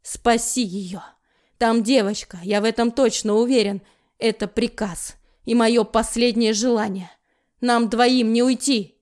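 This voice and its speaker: A gruff, commanding man who snaps orders and cold taunts, as a woman narrator puts him on. The reading keeps him harsh and clipped. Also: on the high side, fairly even intonation, measured pace, a little mellow, close to an everyday voice. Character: tough commanding man shielding his woman.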